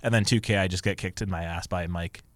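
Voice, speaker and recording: A man's voice: low-pitched, fairly even intonation, no room sound. A young man co-hosting a podcast, chatting casually and teasing his friends. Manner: teasing, quick to interject. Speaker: podcast co-host. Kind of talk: casual chat.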